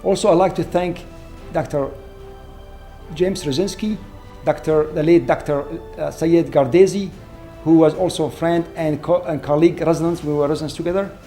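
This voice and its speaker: A man, a surgeon speaking in an earnest, measured way in an interview. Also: on the high side. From Syria. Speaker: award-winning trauma surgeon. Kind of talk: reflective interview. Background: soft background music.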